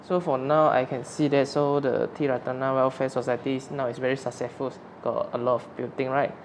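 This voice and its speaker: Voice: mid-range voice, flat delivery, brisk, slight background noise, low-quality recording. An interviewer, asking loosely phrased questions in an informal way.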